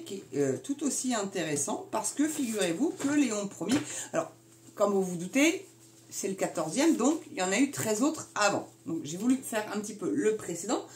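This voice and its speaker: A woman's voice: mid-range voice, darkish tone, a little hiss or hum. A woman hosting her own video channel, giving a casual talk from her notes with many fillers and self-corrections, and chatty asides to viewers. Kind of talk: casual explainer reading from notes.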